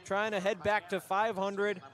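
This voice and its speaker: A man calling baseball play-by-play, brisk and chatty, bantering with his booth partner. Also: high voice, flat delivery, fairly bright tone. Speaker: play-by-play announcer.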